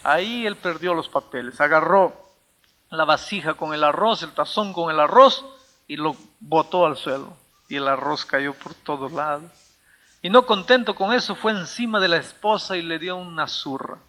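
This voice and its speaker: A man's voice: fairly high pitch, normal speed, pushed and bright, long reverb tail. A male pastor preaching a sermon, emphatic and telling a story from the pulpit.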